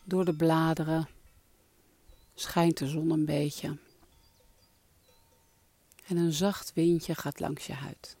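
A meditation guide speaks very slowly and softly in a mellow, creaky, mid-range voice, calm and breathy, often dropping almost to a whisper as in guided relaxation. The recording has no room sound, with faint music in the background.

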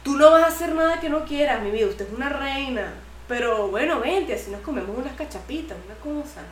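A sleazy middle-aged man, as a woman puts him on, coaxing in a low, syrupy murmur stuffed with pet names. The voice sits somewhat high for a man. It rings in an echoey room. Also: expressive, a little fast, a little hiss or hum.

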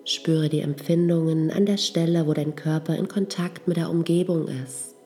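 A woman with a low, mellow voice guides a meditation, speaking slowly and softly. Her tone stays calm and unhurried throughout, with faint music beneath her. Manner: slow, soft, calm instructions.

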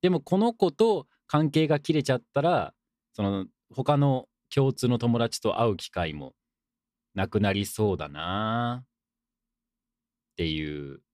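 A man's voice: medium pitch, expressive, takes it slowly, darkish tone, dry recording, clean studio sound. A young man hosting a casual solo radio talk show, reading listener letters with loose, rambling, self-deprecating asides and a playful mock-formal tone. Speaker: podcast host.

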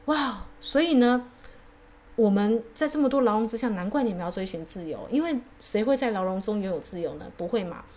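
A woman with a Taiwanese Mandarin accent earnestly sharing a book, ending her phrases with a soft drawn-out particle. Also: mid-range voice, expressive. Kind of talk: casual book sharing with read-aloud passages.

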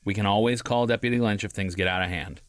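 A man's voice: lowish voice, steady tone, fast talker, clear, resonant tone, no echo, studio quality, lightly acted. An actor playing a weary radio host who talks hesitantly and restarts his sentences. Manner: hesitant, apologetic, restarting often. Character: weary male late-night radio host.

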